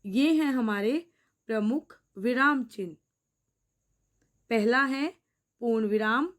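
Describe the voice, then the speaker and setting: A woman hosting her own teaching channel, explaining a grammar lesson slowly and deliberately and addressing her viewers as friends. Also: a little high. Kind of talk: scripted Hindi grammar lesson.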